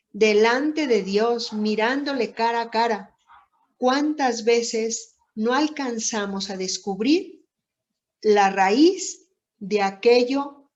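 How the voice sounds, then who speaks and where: A woman giving a reflective Bible lesson, speaking deliberately with many pauses and rhetorical questions. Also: mid-range voice. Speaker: Bible teacher. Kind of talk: slow, reflective Bible teaching. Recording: dull lo-fi recording.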